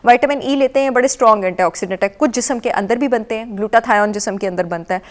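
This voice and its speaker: A woman's voice: fairly high pitch, fast. A woman with a Pakistani accent, a nutrition expert guest on a TV morning show, lecturing with emphatic repetition and English phrases mixed in. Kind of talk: explanatory talk-show chat. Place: television studio.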